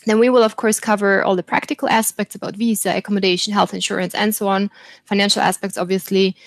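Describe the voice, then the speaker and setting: A woman's voice: medium pitch, flat delivery, quick pace, dry recording. A woman hosting a university webinar over a video call, friendly and speaking with frequent fillers. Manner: friendly, filler-heavy delivery. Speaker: webinar host.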